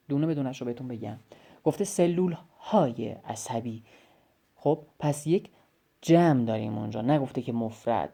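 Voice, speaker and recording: A young biology study tutor records a voice-message lesson in a medium-pitched, dark-toned voice. He explains things step by step, repeats key phrases, and speaks directly to his students.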